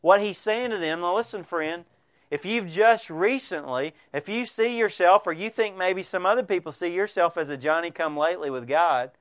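A male pastor with a high-sitting, clean voice preaches at a moderate pace. He speaks earnestly and directly to the congregation, often asking rhetorical questions.

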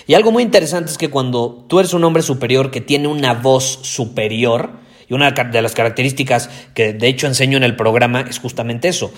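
A man with a Mexican accent hosting a podcast, talking loudly and intensely and repeating his key points for emphasis. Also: mid-range voice, a little fast. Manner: loud, intense delivery. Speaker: podcast host. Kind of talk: motivational podcast monologue.

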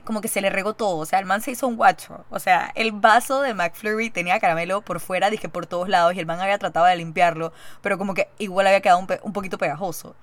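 A young woman hosting a podcast, telling a story in a chatty, animated way and acting out the lines she quotes. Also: medium pitch, dry recording. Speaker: podcast host. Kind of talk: casual storytelling monologue.

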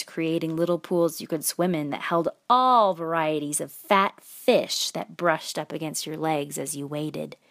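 A woman podcast host reading a personal story aloud in a measured, expressive storytelling way. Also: fairly low pitch, dry recording, clean studio sound.

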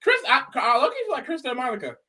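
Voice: sits high, wildly swooping pitch, fast, sharp tone. A podcast co-host in casual recap chat, with sassy, slangy banter.

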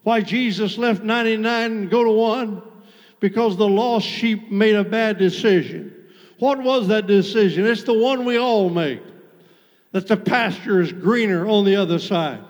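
A man's voice: high voice, unhurried. A man preaching a passionate sermon as a bishop in a church sanctuary, with repeated, building phrases. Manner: impassioned, repetitive preaching cadence. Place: church sanctuary with pews and altar. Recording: long reverb of a large church hall.

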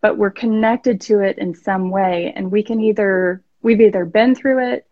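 A woman in her thirties, a podcast guest, talking slowly and reflectively, often repeating herself in casual chat. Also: mid-range voice, steady tone, dry recording, highs cut off.

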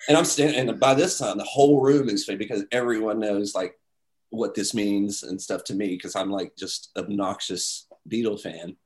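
Animated man telling a story. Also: lowish voice, moderate pace. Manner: animated, acts out quotes, many fillers. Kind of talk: casual storytelling.

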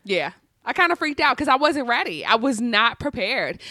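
A young woman co-hosting a podcast, telling a personal story in a casual, expressive way with frequent laughter. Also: a little high, moderate pace, dry recording. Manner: animated, expressive, laughs often. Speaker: podcast co-host.

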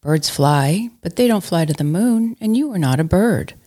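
A patient, practical mother bear from a picture book, calm and gently teasing, as a woman reads her. Low and easy in tone. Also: moderate pace.

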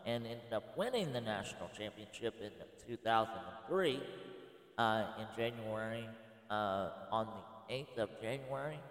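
A man in his thirties giving a casual, rambling spoken presentation with many filler pauses. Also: fairly low pitch, animated, a bit bright. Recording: echoey room with long reverb.

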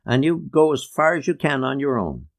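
Man putting on a booming old joker. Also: big pitch swings, moderate pace, gravelly. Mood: boisterous. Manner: booming, teasing, tall-tale telling. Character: boisterous old male outport joker. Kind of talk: reading a memoir aloud.

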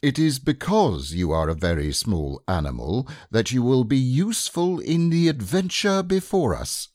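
A man's voice: mid-range voice, very animated, normal speed, darkish tone, no echo, clean studio sound, voice pushed up. A man voicing a bossy, fussy male rabbit who talks in a precise, self-important way in an audiobook reading.

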